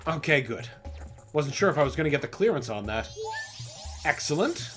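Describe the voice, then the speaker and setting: A man's voice: fairly high pitch, sing-song, normal speed, over music. A man hosting a gaming livestream, chatting casually and playfully and laughing often as he plays. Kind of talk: casual gameplay commentary.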